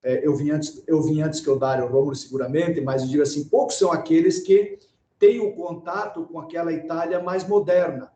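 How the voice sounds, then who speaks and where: A man's voice: on the high side, steady tone, fairly quick, warm tone. A man born in Italy answering in a panel discussion, wordy, rephrasing and adding tag questions. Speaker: panel guest. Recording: echoey room sound.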